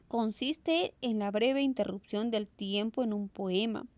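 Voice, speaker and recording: A woman's voice: mid-range voice, measured pace, dry recording. A young woman teaching an online class, asking questions and answering them herself. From Peru. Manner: lively questioning, answers her own questions. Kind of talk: virtual class lesson.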